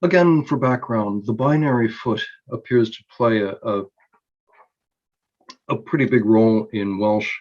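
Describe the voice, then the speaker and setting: A man with a somewhat low voice presents an academic conference talk. He explains his points in a measured way, with frequent ums and small restarts. The recording is dull and lo-fi. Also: darkish tone.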